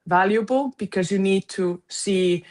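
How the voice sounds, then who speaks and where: A woman's voice: medium pitch, a little slow, a little mellow. A woman on a video call introducing her tech role, talking hesitantly and searching for words. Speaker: conference events board member. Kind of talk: casual video-call chat.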